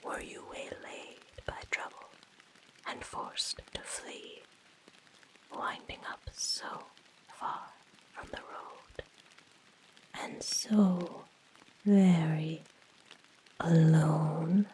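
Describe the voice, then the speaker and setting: A woman voicing a female naga huntress, coaxing and softly threatening, in a breathy whispered role-play. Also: sits low, fairly even intonation, very slow, long pauses, low-quality recording. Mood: coaxing, probing. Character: female naga huntress, predatory, coaxing, menacing serpent creature.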